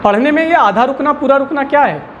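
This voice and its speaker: A man's voice: extremely high pitch, expressive, brisk, dull audio, background noise. A man teaching a Hindi lesson to a school class, patiently asking questions and repeating the key words. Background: children in the classroom.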